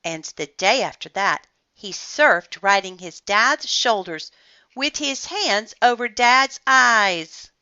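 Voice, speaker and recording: A woman reading a bedtime picture book aloud, taking her time over every line with a very unhurried pace. Her bright voice swings up and down with plenty of expression. The recording is dry and slightly muffled. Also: medium pitch, lively intonation, no room sound. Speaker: storyteller. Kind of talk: bedtime story read-aloud.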